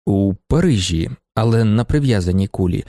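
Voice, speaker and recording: A man reading an audiobook and voicing a weary, brooding middle-aged merchant in a measured way. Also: on the low side, animated, mellow, dry recording, clean studio sound, voice pushed down, close to an everyday voice.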